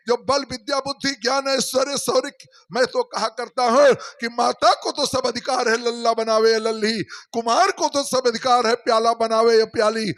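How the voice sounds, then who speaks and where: A man's voice: very high-pitched, fairly bright tone. A middle-aged man, president of a religious society, giving a fiery, declamatory speech at its annual festival and reciting rhyming verse.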